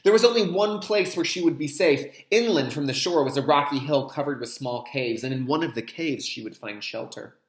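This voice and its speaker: With a fairly high pitch and a fairly quick pace, this man barely pauses while reading a picture book to his kindergarten class in an echoey room. He speaks to the children directly, explains things as he reads, and repeats the key terms.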